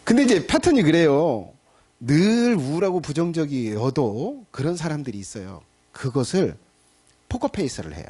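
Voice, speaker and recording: A man's voice: a little high, very animated, normal speed, dark tone, breathy edge. A middle-aged man preaching a Sunday evening sermon as pastor, talking in a conversational way and acting out little everyday scenes. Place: church sanctuary.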